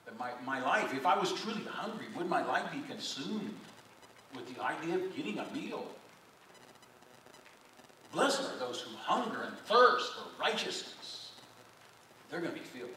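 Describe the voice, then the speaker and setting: A male pastor preaching a sermon, animated, with rhetorical questions and repeated phrases, recorded from a distance in a church. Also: on the high side, moderate pace, long pauses. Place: church sanctuary. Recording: echoey church from a distance, faint room noise.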